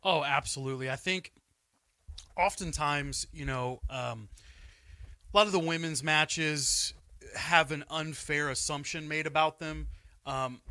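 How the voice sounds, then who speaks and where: A man's voice: on the high side, fairly even intonation, measured pace, sharp tone, clean tone, dry recording, studio quality. A man co-hosting a wrestling podcast, speaking with eager enthusiasm and frequent restarts. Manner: enthusiastic, hesitant restarts, earnest. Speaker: podcast co-host. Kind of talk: casual wrestling recap chat.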